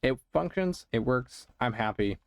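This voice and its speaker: Male creator, casual game commentary, unhurried delivery, mid-pitched, rambling and self-effacing. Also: expressive, no room sound. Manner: rambling and halting, with many restarts; self-deprecating, easygoing. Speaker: Minecraft video creator.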